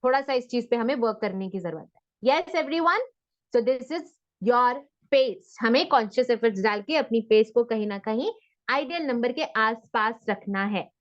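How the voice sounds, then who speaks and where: Encouraging female speaking coach, higher voice. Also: animated, unhurried, dull audio. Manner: mixes Hindi and English, encouraging. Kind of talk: online class session.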